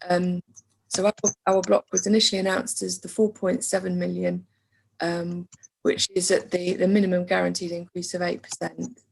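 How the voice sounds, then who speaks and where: Husky woman losing her voice. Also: fairly low pitch, level tone, a little mellow. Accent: English. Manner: measured, with frequent ums and throat clearing. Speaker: council finance officer. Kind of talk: online meeting presentation. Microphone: video call.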